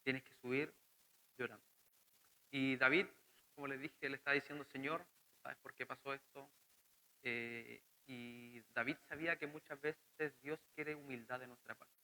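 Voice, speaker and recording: A young Chilean man preaches a sermon with a very bright, forward voice. He talks earnestly and plainly, often asking the congregation questions. His pitch sits in a middle range for a man. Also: steady tone, unhurried, rough recording. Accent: Chilean Spanish.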